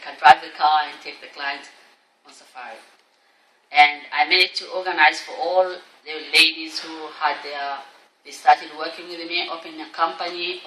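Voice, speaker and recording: A roomy, slightly noisy recording, a little far from the mic, carries a woman's public speech. She has a Tanzanian accent and a bright, forceful voice as she tells her own story to a conference. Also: deep voice. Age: middle-aged. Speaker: conference speaker, tour company owner. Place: conference hall at a trade show. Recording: echoey room, distant, faint noise.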